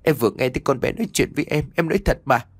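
A man's voice: medium pitch, expressive, very fast, no echo, studio quality, pitched above the performer's own voice, lightly acted. A man voicing a grieving mother who pleads through tears in an audio story. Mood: pleading. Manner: sobbing, pleading.

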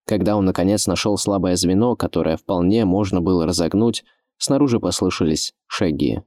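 A man narrating an audiobook in a measured, expressive literary reading. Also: low voice, dry recording, clean studio sound.

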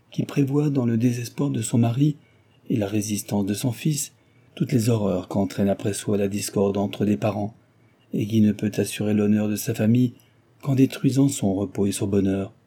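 A man reading the lines of a dignified noble mother in a storybook reading, with a gentle, earnest and stately manner in a deep, husky voice. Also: lightly acted.

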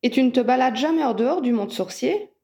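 A woman reading aloud and voicing a confident, teasing young male wizard, in a mellow voice. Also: high-pitched, expressive, brisk. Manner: teasing, cheerful insistence.

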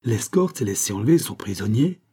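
A man's voice: fairly low pitch, big pitch swings, fairly quick, mellow, husky. A man reading aloud, voicing an impulsive male general who barks orders and exclamations. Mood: alarmed.

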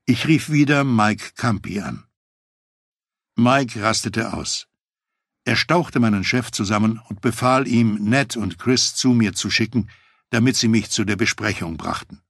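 A man reading a first-person memoir as an audiobook, in a measured, matter-of-fact way. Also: fairly low pitch, vocal fry, a bit bright, dry recording, studio quality. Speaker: audiobook narrator. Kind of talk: scripted memoir narration.

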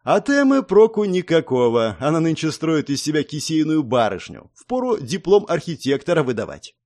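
A man narrates a first-person fantasy audiobook in a wry, sardonic tone. His voice sits fairly high for a man and moves animatedly up and down. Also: sing-song, normal speed, darkish tone.

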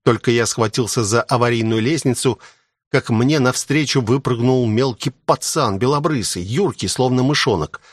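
A man reading a first-person adventure audiobook with steady dramatic storytelling. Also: mid-range voice, normal speed, breathy edge, dry recording, studio quality. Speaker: audiobook narrator.

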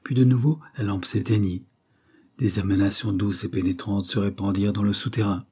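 A man reading a novel aloud in steady, even narration. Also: lowish voice, brisk, slightly rough. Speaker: audiobook narrator.

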